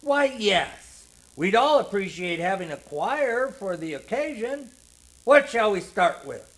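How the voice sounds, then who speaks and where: A man voicing a stern, blunt old ship captain who speaks in a measured way. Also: sits high, sing-song, a bit bright, pitched above the performer's own voice, full character voice, rough recording. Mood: musing.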